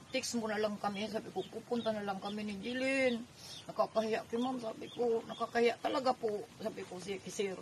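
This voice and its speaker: An older woman, a grandmother, tells her family's story in an earnest, tearful way. Her voice sits at a middle pitch, and she often slips into quoting her own past words. A faint noise runs behind her. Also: low-quality recording. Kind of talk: emotional personal account.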